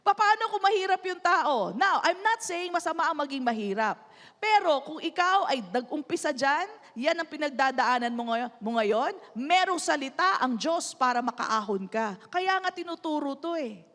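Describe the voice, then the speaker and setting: A Filipino woman pastor preaches a sermon in a high, ringing voice. Her words echo with a long reverb through a church hall. She often stops to have the congregation repeat lines after her. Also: animated, normal speed, fairly bright tone. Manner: mixes English and Tagalog, asks the church to repeat lines.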